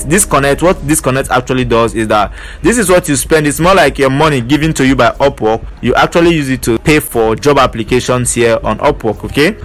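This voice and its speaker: In a casual screen-share tutorial, an online money-making tutor walks through an earning method, frequently saying "basically" and "you know." His voice is mid-range and a bit bright.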